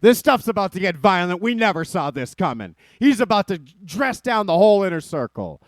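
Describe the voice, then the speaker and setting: A man's voice: high-pitched, sing-song, a little fast, no echo. A man hosting a live stream, rambling and swearing as he talks to his chat. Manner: profane, rambling, addresses chat as ladies. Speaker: stream host. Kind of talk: casual live-stream commentary.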